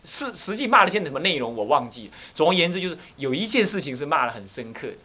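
Middle-aged Taiwanese monk teacher, animated storyteller, bright voice, higher pitch. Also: male voice, quick pace. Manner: animated storytelling, acts out scolding voices, asks the listeners questions. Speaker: abbot and Buddhist teacher. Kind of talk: dharma talk with personal stories.

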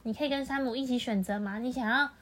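A woman's voice: fairly high pitch, quick pace, a bit bright. A woman reading a picture book aloud to a child, patiently explaining and asking the child questions.

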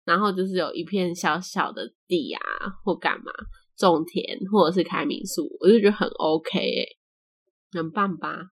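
A woman's voice: on the low side, moderate pace, slightly rough. A young woman from Taiwan with a Taiwanese Mandarin accent, hosting a casual podcast chat and laughing often. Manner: chatty, laughs often, trailing sentence ends. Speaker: podcast host.

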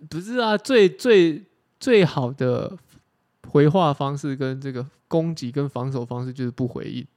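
爱开玩笑的台湾腔男声. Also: male voice, a little high, normal speed, darkish tone. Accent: Taiwanese Mandarin. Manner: joking, teasing, laughs a lot. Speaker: podcast co-host. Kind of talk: casual chat.

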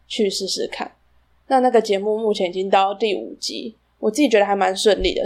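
A woman's voice: mid-range voice, gravelly, a little mellow. Taiwanese woman podcasting, slightly slurred by braces. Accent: Taiwanese Mandarin. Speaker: solo podcast host. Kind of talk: casual podcast monologue.

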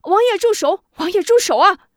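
A woman doing an earnest young swordsman, high and urgent. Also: sing-song, normal speed, dry recording, studio quality. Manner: earnest, deferential. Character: clever, humble young male fighter.

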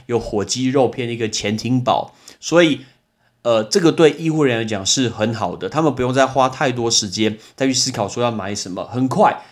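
A young man hosts a casual English vocabulary lesson, chatting and explaining with everyday examples. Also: mid-range voice. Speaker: podcast host and English teacher.

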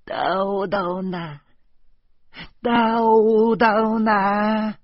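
A man voicing a distraught young father who calls out in a high, sobbing voice, on a dull lo-fi recording. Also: fairly even intonation, very slow, no echo, exaggerated voice. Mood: frantic.

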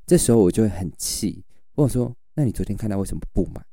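Speaking fast in a low, creaky voice, a livestream seller chats casually and tells lively stories, playing the parts of his customers. The recording is studio quality with no room sound.

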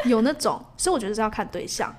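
A woman's voice: fairly high pitch, huge pitch swings, quick pace, a little hiss or hum. A woman co-hosting a podcast in casual chat with a friend, talking freely, laughing often and dropping English words into her speech. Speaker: podcast co-host.

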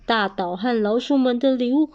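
A woman's voice: fairly high pitch, moderate pace, muffled recording, lightly acted. A woman voicing a whiny greedy little bear boy. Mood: scheming. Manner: whiny, exclaiming.

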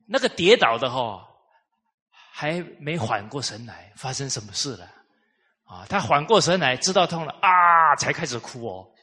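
A man giving a live lecture on traditional culture, telling lively stories and putting rhetorical questions to the audience. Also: medium pitch, moderate pace, husky.

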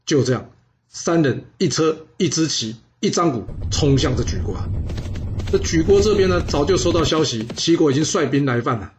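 Dramatic male storyteller, raised pitch. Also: lively intonation, normal speed, a little mellow, slight background noise. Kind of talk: historical story narration.

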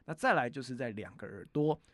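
A man explaining as a veterinarian to an interviewer, in a patient way, often letting his phrases trail off softly. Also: mid-range voice, animated, a little fast, dry recording. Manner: patient explainer, sentences trailing off with soft particles.

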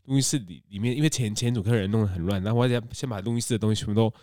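A man hosts a casual podcast. He tells stories in an animated way, laughs often and repeats himself. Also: fairly low pitch, very fast, no room sound, studio quality. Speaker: podcast host and street tour guide.

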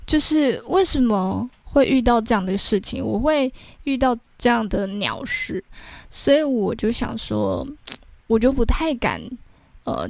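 A woman's voice: a little high, vocal fry, no echo. A young woman with a Taiwanese Mandarin accent, hosting a podcast and telling a personal story in a chatty way, tagging her sentences with filler words. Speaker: podcast host.

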